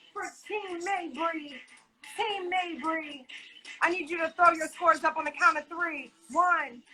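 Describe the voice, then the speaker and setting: Slow-talking, very high-voiced female host, bright tone, music behind on a video call. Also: low-quality recording. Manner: upbeat, playful hype. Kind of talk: hosting an online poetry slam.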